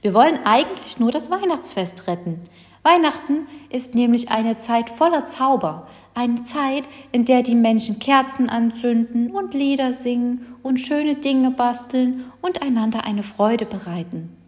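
An earnest, pleading young male helper who explains himself patiently, voiced by a woman. He comes from a children's story reading, with unhurried speech and a long hall reverb. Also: on the high side, darkish tone, voice pushed up, close to an everyday voice.

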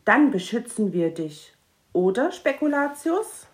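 A woman's voice: a little high, big pitch swings, unhurried, pitched above the performer's own voice. A woman voicing a brave, bossy young girl who talks in a firm, determined way. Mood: confident. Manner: firm and determined, then soft.

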